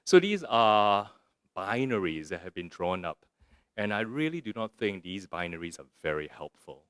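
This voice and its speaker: A man from Singapore reflects conversationally on poetry in an arts center lecture room, reading a poem and frequently asking listeners a rhetorical "right?". He speaks on the low side, very animated and smooth, at a moderate pace. The sound is studio quality with no room sound.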